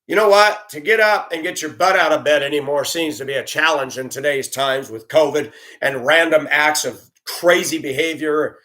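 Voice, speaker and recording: A man's voice: a little high, moderate pace, hardly any pauses, bright, forceful tone. A man who used to drive a school bus, telling his own story in an earnest, heartfelt way while venting his frustrations. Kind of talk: candid personal storytelling.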